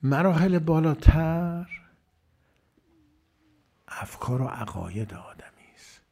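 A man preaching a sermon, moving from loud, emphatic phrases to near-whispers. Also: on the high side, very animated, gravelly. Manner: dramatic swings from loud to whispered.

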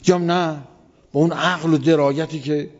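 A man's voice: on the high side, steady tone, darkish tone. A man preaching, retelling an old story in casual speech and repeating words for emphasis. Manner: vivid retelling with emphatic repetition. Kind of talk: colloquial religious storytelling lecture. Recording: long hall reverb, dull lo-fi sound.

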